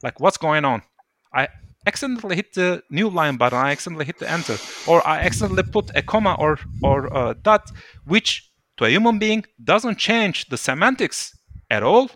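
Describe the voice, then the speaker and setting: A man talks as a guest in a relaxed discussion. His voice is bright and slightly high, and the sound is close and dry. He explains carefully, then leans into his points with lively emphasis. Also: fairly quick, no echo. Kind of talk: casual discussion.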